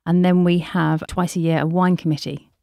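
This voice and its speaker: A woman's voice: fairly low pitch, steady tone, normal speed, creaky, warm tone, no room sound, clean studio sound. A woman explaining matter-of-factly as a guest in a casual panel chat.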